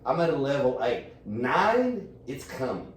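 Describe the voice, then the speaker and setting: A man telling a long, profane story in a rambling, animated way as a podcast guest. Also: medium pitch, measured pace. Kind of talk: casual storytelling. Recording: echoey room, distant mic, faint noise.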